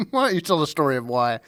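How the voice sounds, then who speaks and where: A young man hosting a casual, jokey food review show, quick to laugh. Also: fairly high pitch, bright, forceful tone. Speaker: podcast host. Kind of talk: casual comedic chat.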